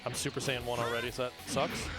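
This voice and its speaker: A man giving casual, excited live commentary while speedrunning a game. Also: mid-range voice. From not Australian. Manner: casual, excited, talks fast between game moments. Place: live event stage. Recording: game music playing behind.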